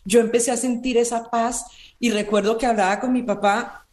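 A woman in her forties tells her personal story in an interview, earnest and emotional, circling back and repeating words. Her voice sits a little high. The room has a noticeable echo around her. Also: steady tone, normal speed, a little mellow. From Colombia. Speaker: interview guest. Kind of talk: personal testimony in conversation.

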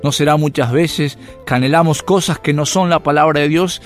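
This devotional radio sermon comes from a male preacher with a fairly high voice and a moderate pace. He asks rhetorical questions and lets his delivery rise and fall animatedly while soft music plays underneath.

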